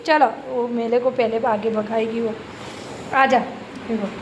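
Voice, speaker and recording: Woman doing a chatty home vlog, talks to her pet a lot, kinda high voice, a bit of hiss behind. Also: fairly even intonation, slow. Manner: chatty, narrating daily chores and talking to her pet. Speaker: family vlogger. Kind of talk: casual home vlog narration.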